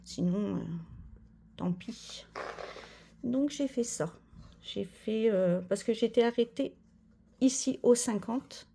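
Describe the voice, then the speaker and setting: Slow, chatty woman crafting vlogger. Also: fairly high pitch, creaky, warm tone. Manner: chatty, rambling with many fillers and self-corrections. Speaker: cross-stitch vlogger. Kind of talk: casual chat.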